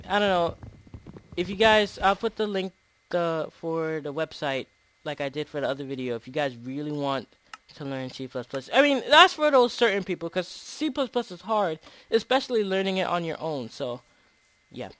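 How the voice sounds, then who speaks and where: A man's voice: high voice, expressive, normal speed, fairly bright tone, slight background noise. A man giving rambling, goofy commentary while playing a survival game. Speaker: gameplay commentator. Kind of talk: casual let's-play commentary.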